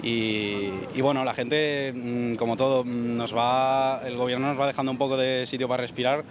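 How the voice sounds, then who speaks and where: A man answering a street interview, reflective and hesitant, pausing on fillers. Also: medium pitch, flat delivery. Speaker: passer-by interviewed. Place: outdoors on a city street. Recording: street noise and traffic.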